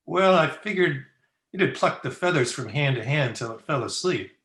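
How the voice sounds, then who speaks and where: An actor playing a crusty, teasing frontier town doctor in an old-time Western radio play, with dry, folksy banter. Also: male voice, fairly high pitch, animated, normal speed, fairly bright tone. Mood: wry, teasing. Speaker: actor in an amateur radio drama. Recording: roomy, echoey video-call recording.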